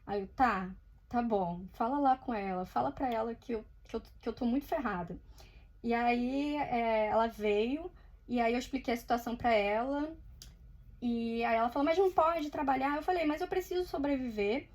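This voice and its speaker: A Brazilian woman with a Brazilian Portuguese accent and a slightly high-pitched voice. She tells her story casually while drawing, chatty and quick to swear. She acts out the quoted lines as she goes. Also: darkish tone. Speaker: artist vlogger.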